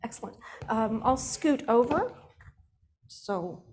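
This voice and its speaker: A woman's voice: fairly high pitch, lively intonation, slow, darkish tone, a little hiss or hum. A woman moderating a panel informally, inviting questions from an audience.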